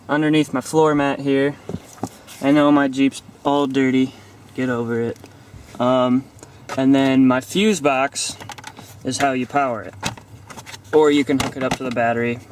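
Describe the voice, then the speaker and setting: A young American man with a medium-pitched voice gives a casual, hands-on car how-to, phrasing things loosely and informally. The video is shot in a driveway and inside a parked car, and a slight hiss or hum can be heard.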